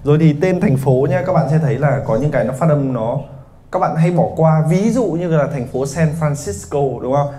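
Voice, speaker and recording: A man from Vietnam in his thirties teaches a live classroom lesson, joking and teasing his students as he goes. His voice sits a little high but sounds mellow and warm. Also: lively intonation, moderate pace. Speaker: English teacher.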